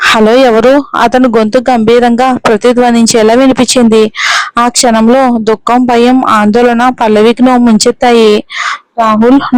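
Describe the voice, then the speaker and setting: A woman telling a family drama as a scripted narration, reading at a steady, measured pace. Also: fairly high pitch, dry recording, rough recording. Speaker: storyteller.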